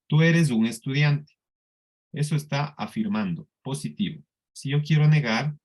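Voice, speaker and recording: A man teaching an English class in Spanish with a Colombian accent, explaining slowly and patiently and often checking that the students follow. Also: mid-range voice, darkish tone. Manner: slow, patient explaining with frequent checks for understanding. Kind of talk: classroom lesson.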